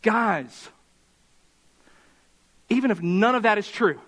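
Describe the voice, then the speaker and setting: A man preaching a Sunday sermon as pastor of a church, impassioned and slowing down to stress key words. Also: sits high, animated, fairly bright tone. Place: church sanctuary.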